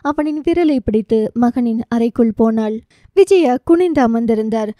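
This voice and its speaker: A woman reading a romance novel aloud as an audiobook narrator, in steady, even storytelling. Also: a little high, normal speed, no echo.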